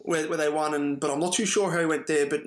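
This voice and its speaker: A man's voice: fairly high pitch, fast talker. Tired Australian man, echoey room. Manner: relaxed, laughs easily, many fillers. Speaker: fantasy football podcast co-host. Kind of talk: casual sports chat.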